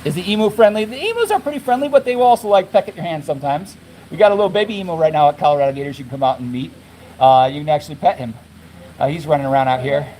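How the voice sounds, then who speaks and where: Man, high-pitched, casual phone livestream from outdoors, rambly and winded, faint background noise. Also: rapid-fire, darkish tone, low-quality recording. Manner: rambling, repeats himself, restarts often. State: out of breath. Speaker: alligator farm livestreamer. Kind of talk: casual live stream chat. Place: outdoors at an animal farm.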